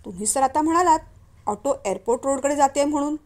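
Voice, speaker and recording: Woman voicing Pooja, a sharp, suspicious young woman. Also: sits high, lively intonation, fast. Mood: angry. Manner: sharp and scolding.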